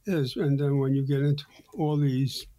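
A man hosting a financial talk show, answering retirement questions in a halting way with many fillers and restarts. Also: mid-range voice, fairly even intonation, dark tone. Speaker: financial advisor host.

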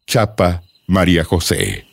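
A man announcing the opening of a podcast series in a solemn, measured way. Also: low-pitched, big pitch swings, creaky, a little hiss or hum. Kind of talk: scripted podcast introduction.

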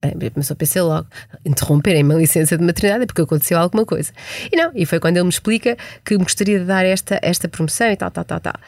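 A woman's voice: fairly low pitch, rapid-fire, a little mellow, dry recording, studio quality. A woman in her forties with a European Portuguese accent, answering interview questions reflectively, often restarting her sentences. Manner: reflective, frequent restarts and hesitations. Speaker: podcast guest, executive.

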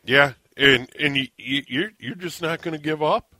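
A man's voice: on the high side, moderate pace, sharp tone, dry recording. A man hosting a sports radio show, chatting casually with a guest and often restarting his sentences. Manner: stammering restarts. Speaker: radio host.

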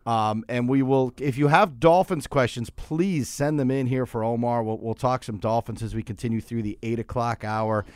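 A man's voice: mid-range voice, normal speed, few pauses, darkish tone, smooth, no room sound, studio quality. A man hosting a sports radio show with casual, conversational commentary, often repeating and rephrasing himself as he goes.

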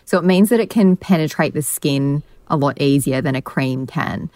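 Low-voiced woman in relaxed podcast conversation. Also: moderate pace, dry recording. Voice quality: self-described monotone voice. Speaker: guest skincare expert, dermal therapist. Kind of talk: casual podcast chat.

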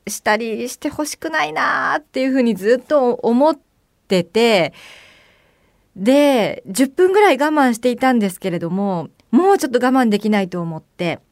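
A middle-aged woman hosts her own radio show, chatting her way through an everyday story and putting on little voices for the people in it. Her pitch swings widely as she talks, and the studio sound is close and dry with no room echo. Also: lively intonation, moderate pace. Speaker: radio host. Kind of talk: casual solo radio monologue.

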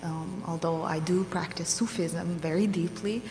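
A woman with a low-set voice speaks in a flat, even tone on a conference panel. She is reflective and halting, searching for her words as she goes. The sound comes from a large hall with long reverb and faint music behind her. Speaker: game composer and singer. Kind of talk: panel discussion.

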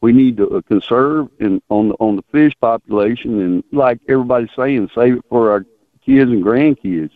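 A man calling a radio show over a phone line, rambling casually in a folksy, halting way. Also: mid-range voice, no echo. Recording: tinny narrowband phone line.

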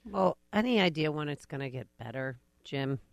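A woman's voice: low-pitched, animated, normal speed, dry recording. Brief: woman co-host, plain-spoken, dry close sound. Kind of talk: TV talk show.

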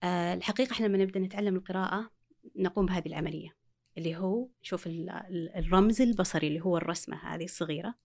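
A woman's voice: on the low side, rapid-fire, vocal fry, darkish tone. A woman, explaining reading step by step with examples as a guest. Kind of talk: explanatory talk show chat.

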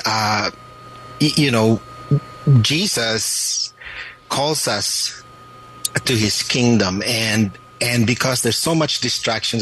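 A man in his late fifties, a pastor born and raised in the Philippines, answering radio interview questions in a halting way, with many restarts and fillers. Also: mid-range voice, fairly bright tone, slight background noise, rough recording.

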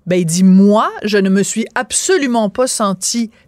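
A woman's voice: mid-range voice, moderate pace, darkish tone, dry recording, studio quality. A woman with a Quebec French accent giving a radio column, explaining things in careful, detailed storytelling. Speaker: radio columnist and show host. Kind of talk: radio commentary.

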